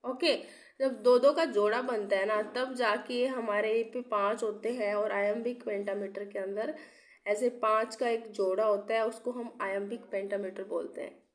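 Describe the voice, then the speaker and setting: A woman's voice: mid-range voice, steady tone, moderate pace. A young woman teacher giving an exam-prep lecture while unwell and coughing now and then. She asks rhetorical questions, repeats key terms and checks in often. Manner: checks in often with "theek hai". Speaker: English literature teacher.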